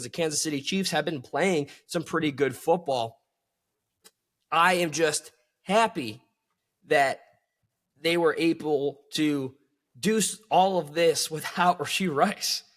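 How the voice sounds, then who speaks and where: A man hosting a solo sports podcast, talking with enthusiasm and calling his listeners folks. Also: fairly high pitch.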